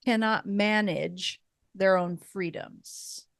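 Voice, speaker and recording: Woman podcaster, slow thoughtful rambling talk, dry close sound. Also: mid-range voice, steady tone, creaky, no room sound. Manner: thoughtful, meandering, with fillers and soft laughs. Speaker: podcast co-host. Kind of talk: casual faith podcast chat.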